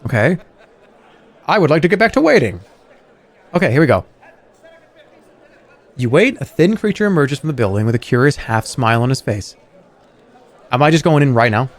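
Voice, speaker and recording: Animated man streaming a game. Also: mid-range voice, normal speed, pauses often. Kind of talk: reading game narration aloud, playful livestream.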